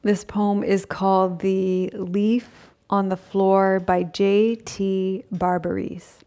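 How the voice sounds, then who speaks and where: A woman's voice: medium pitch, flat delivery, mellow, smooth. A woman yoga teacher leading a breathing exercise in short, spaced phrases, with audible breaths and sighs. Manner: slow, pausing delivery in short phrases. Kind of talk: guided breathing and yoga instruction.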